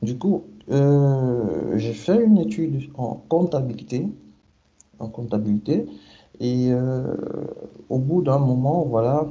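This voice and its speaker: This SAP consultant guest, a man in his thirties from Cameroon, talks about his career in response to interview questions. He speaks with a warm, medium-pitched voice, stumbling through many fillers and false starts.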